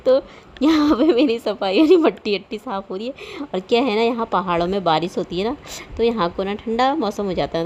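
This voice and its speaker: A woman's voice: mid-range voice, darkish tone, slight background noise. Chatty homely woman narrating her vlog. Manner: chatty, rambling, homely, with frequent filler tags. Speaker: home vlogger. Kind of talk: casual voice-over vlog narration.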